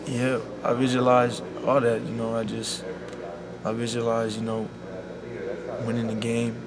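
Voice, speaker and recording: A young man, a college basketball player speaking softly and sincerely in a media scrum, leaning on "you know.". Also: medium pitch, monotone, a little slow, crowd noise. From Bahamas. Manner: soft-spoken and heartfelt, full of "you know". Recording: loud background noise.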